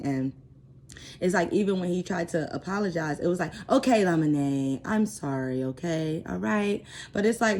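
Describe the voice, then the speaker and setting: Low, dark-voiced woman venting. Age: 30s. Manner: blunt, frustrated, emphatic. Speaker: vlogger. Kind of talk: personal venting vlog.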